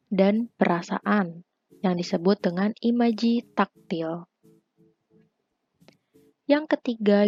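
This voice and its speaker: A young woman student presenting a lesson as a voice-over for slides, reading in a measured way that lists points one by one. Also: mid-range voice, dark tone. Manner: measured, read-aloud listing. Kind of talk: scripted lesson narration.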